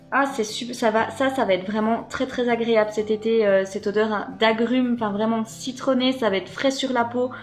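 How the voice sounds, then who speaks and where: A woman talks casually through a beauty box unboxing, full of little hesitations. Her voice sits a touch high, and soft music plays faintly underneath. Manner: chatty, hesitant, many fillers. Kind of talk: casual unboxing chat to camera.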